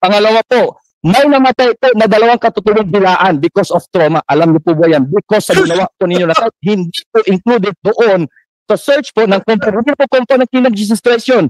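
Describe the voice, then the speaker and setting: A man's voice: high voice, brisk, dry recording, rough recording. A man, a church minister, giving impassioned, deferential testimony at a formal public hearing. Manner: impassioned, deferential, heavy use of polite particles.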